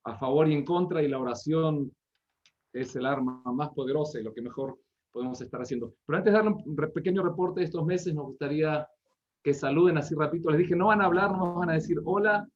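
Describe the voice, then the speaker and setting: A man from Patagonia, giving a missionary report over a video call in a joking, lively way. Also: on the high side, fast talker, lo-fi sound. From Argentine Patagonia.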